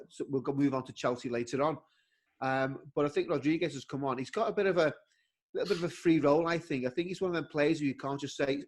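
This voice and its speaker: A man co-hosting a football podcast in casual chat, often restarting and repeating words. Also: mid-range voice. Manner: hesitant starts and repeated words. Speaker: podcast co-host.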